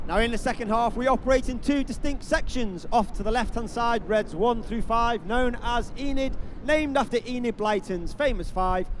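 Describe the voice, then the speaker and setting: A man's voice: extremely high pitch, moderate pace, few pauses. A man giving airshow commentary in an announcer's style, building up each manoeuvre for the spectators. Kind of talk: airshow commentary over a public address. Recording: faint noise outdoors at an airshow.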